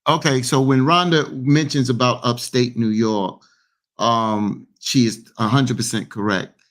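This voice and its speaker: Forceful man co-hosting a talk show. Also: mid-range voice, steady tone, measured pace. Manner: forceful, repeats himself for emphasis. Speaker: co-host. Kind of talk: call-in show discussion.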